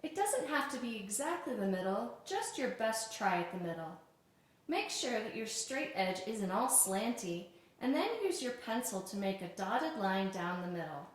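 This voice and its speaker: A woman teaching an art lesson to young children on video, playful and clear with sing-song greetings. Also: mid-range voice, sing-song, moderate pace.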